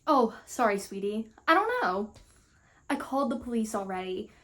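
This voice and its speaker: A woman reading as a worried, calming mother. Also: fairly high pitch, moderate pace. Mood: reassuring. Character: worried mother texting her daughter.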